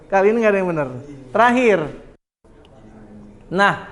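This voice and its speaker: A man's voice: high-pitched, normal speed, a bit bright. A man teaching a class of pupils, calling himself Bapak and joking with them in a classroom. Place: school classroom.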